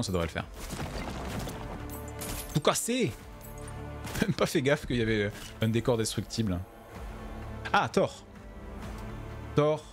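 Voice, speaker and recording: Lively, chatty streamer man. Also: mid-range voice. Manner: chatty, talks to viewers, stumbles over words. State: tired. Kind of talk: casual gameplay commentary. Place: at home.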